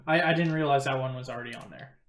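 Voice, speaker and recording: A man's voice: medium pitch, fast. A man in his early twenties playing a board game, asking questions and thinking his moves aloud in casual chat. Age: 20s. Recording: echoey room.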